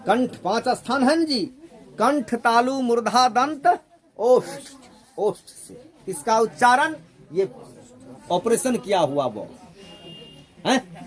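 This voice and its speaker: A male teacher with a strikingly high voice leads a grammar lesson. He talks at an unhurried pace, asks the class questions and repeats his points to drill them in.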